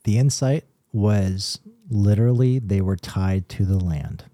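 A man with a low, very dark voice talks through his ideas in an unhurried, explanatory way. He is co-hosting a casual podcast chat, often restarting his sentences, and the sound is dry and close. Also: no echo. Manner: measured, explanatory, with filler restarts. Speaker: podcast co-host, paranormal investigator.

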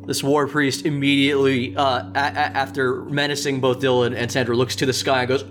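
A man's voice: mid-range voice, little pitch movement, fairly quick, a bit bright. A man narrating a tabletop game as game master in a casual, improvised way.

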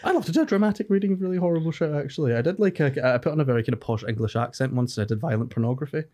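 A man's voice: on the high side, racing, dark tone. A man co-hosting a podcast, talking bluntly and casually with swearing and laughter. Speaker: podcast co-host. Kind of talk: casual chat.

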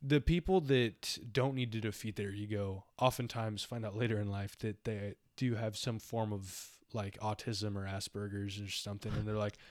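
A man's voice: fairly low pitch, fairly even intonation, normal speed, hardly any pauses, no room sound, clean studio sound. Rambling young man musing philosophically. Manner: rambling, reflective, heavy use of "like". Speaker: podcast co-host. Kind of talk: casual philosophical chat.

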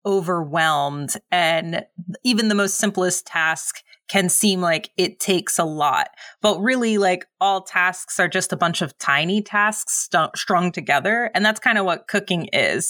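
A woman's voice: medium pitch, measured pace, a bit bright, dry recording, clean studio sound. A woman in a casual conversation who speaks reflectively, with a few restarts as she works through her thoughts.

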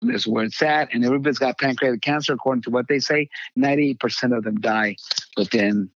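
An older man, a pastor, telling a personal testimony in halting conversational speech, acting out the voices he quotes. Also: medium pitch, fairly bright tone, lo-fi sound, slight background noise. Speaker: pastor, guest.

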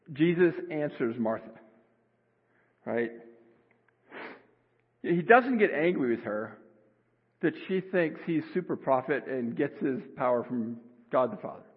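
A man preaching a sermon as pastor, earnest and conversational, with sudden rises in pitch. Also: expressive, measured pace, pauses often, breathy edge. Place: church sanctuary. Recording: tinny phone-like sound, long hall reverb.

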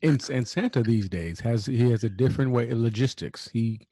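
Male podcast co-host, mid-pitched, conversational, recorded dry and close. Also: moderate pace, mellow, breathy edge, no echo. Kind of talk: casual chat.

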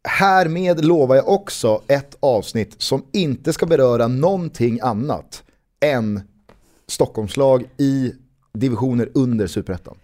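A man's voice: medium pitch, a little mellow. A man co-hosting a football podcast in casual, informal chat with the odd mild swear word. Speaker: podcast co-host.

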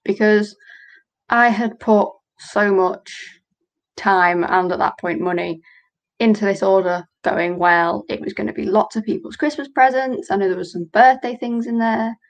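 A woman's voice: medium pitch, a little slow, rough recording. A woman, a guest in an interview, candidly recounting a hard stretch of running her business. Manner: earnest, candid, reenacts quotes. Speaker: guest, small business owner. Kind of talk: conversational storytelling.

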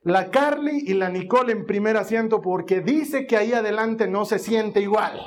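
A man's voice: high voice, normal speed. A man preaching a sermon, telling a family story and acting out every voice in it. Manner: animated storytelling, acts out voices.

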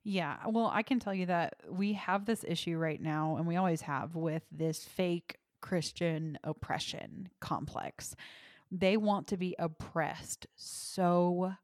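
Woman, podcast co-host, casual chat, blunt, exasperated, lower voice, dry close sound. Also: takes it slowly, darkish tone, no room sound. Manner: blunt, exasperated, many "like" fillers.

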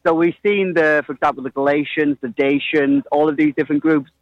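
A man's voice: a little high, fairly even intonation, fairly quick, dry recording, lo-fi sound. A man arguing earnestly in a heated debate, challenging his opponent and pressing his point. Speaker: climate activist guest. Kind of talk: heated debate, making a political argument.

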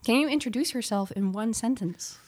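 A woman's voice: a little high, fairly quick, slight background noise. Woman hosting a podcast interview. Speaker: podcast host.

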